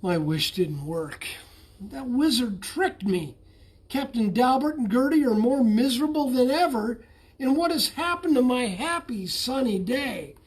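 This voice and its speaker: A man voicing an excitable young male bullfrog in a read-aloud storybook, with high, eager, breathless exclamations. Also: unhurried, breathy edge, full character voice. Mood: dejected.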